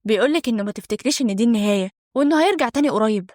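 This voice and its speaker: A woman voicing a cold older male taxi driver who is a retired sorcerer, speaking flatly in an Egyptian accent. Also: fairly high pitch, racing, dry recording, clean studio sound, close to an everyday voice. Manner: cold, flat delivery.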